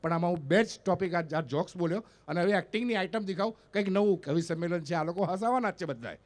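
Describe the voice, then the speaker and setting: On an event stage before an audience, a stand-up comedian and mimicry artist in his fifties tells comic stories live, animatedly acting out each character's dialogue. He is from North Gujarat, India, has a North Gujarati accent, and speaks in a high-pitched, fast voice.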